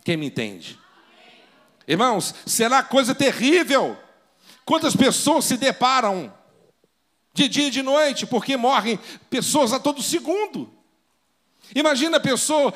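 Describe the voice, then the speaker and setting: A man's voice: very high voice, a bit bright. A man preaching a sermon as pastor, dramatic and full of rhetorical questions.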